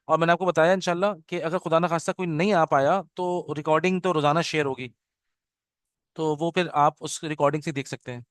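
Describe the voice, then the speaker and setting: A man's voice: a little high, fairly even intonation, clean tone, dry recording, studio quality. A middle-aged man teaching an online class orientation, switching between Urdu and English and checking in with his students often. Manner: mixes English into Urdu, keeps checking with "okay?". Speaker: Arabic teacher. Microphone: video call.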